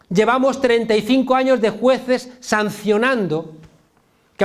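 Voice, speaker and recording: A high-pitched middle-aged man from Spain, a political science professor, lectures the public with impassioned energy. He has a Spain Spanish accent and drives his points home through emphatic, colloquial repetition.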